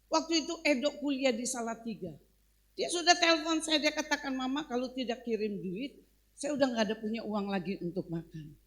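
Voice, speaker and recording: A woman's voice: high-pitched, animated, brisk. A middle-aged woman pastor preaching a sermon with an Indonesian accent, telling a personal story and often addressing the congregation.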